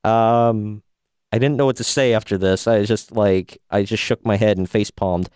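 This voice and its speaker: A man's voice: lowish voice, fairly even intonation, normal speed, a little mellow, clean tone, no room sound, clean studio sound. A man co-hosting a podcast, giving a sarcastic, rambling recap in casual chat. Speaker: podcast co-host.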